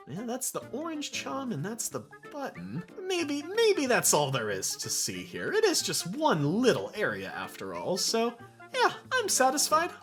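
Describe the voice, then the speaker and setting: A woman's voice: mid-range voice, a bit bright. A woman giving casual, playful commentary on her gameplay, giggling often as she chats. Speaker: gaming YouTuber.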